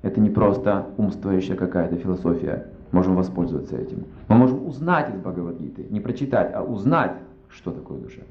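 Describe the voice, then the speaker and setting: A man's voice: sits low, lively intonation, a little fast. Guy lecturing on spiritual stuff, keeps asking rhetorical questions, echoey room. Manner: reasoning aloud with rhetorical questions. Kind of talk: religious lecture. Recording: roomy, slightly dull recording.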